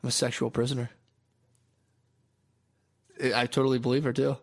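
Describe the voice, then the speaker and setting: A young man trading crude, excitable banter with a friend, laughing often as he talks. His voice sits in an ordinary middle pitch for a man. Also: normal speed. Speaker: podcast co-host. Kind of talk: casual chat.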